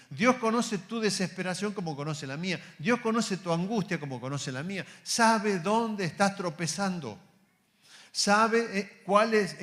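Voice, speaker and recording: An Argentine man preaching in a church, his voice sitting a little high. He calls his listeners brothers and presses them with rhetorical questions. When he quotes God he drops to a soft, slow voice. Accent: Argentine Spanish. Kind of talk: sermon.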